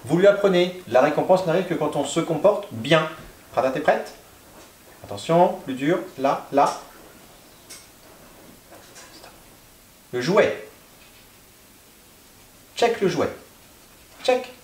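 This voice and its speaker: A man with a slightly higher voice, working as a dog trainer, speaks in a calm, steady way. He gives firm short commands while explaining the exercise indoors at home. The room is echoey. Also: takes it slowly, long pauses.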